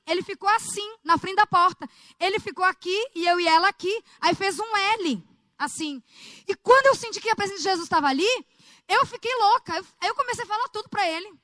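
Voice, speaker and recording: A woman's voice: very high-pitched, no room sound, clean studio sound. A woman telling an emotional prayer testimony as a sermon, speaking straight to her listeners. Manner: emotional, animated storytelling, addresses audience as gente. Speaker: preacher.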